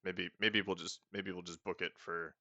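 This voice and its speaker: Playing a roleplay video game as a let's play host, a man comments casually, thinking out loud and often beginning sentences again. He speaks in a deep, flat, sharp voice at a moderate pace, recorded with no echo.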